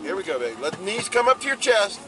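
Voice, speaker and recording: A man's voice: high voice, sing-song, quick pace, heavy background noise. A man hosting a casual vlog outdoors on a boat on a lake, talking in an enthusiastic, folksy, encouraging way. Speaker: channel host. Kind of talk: casual vlog, coaching and promo talk.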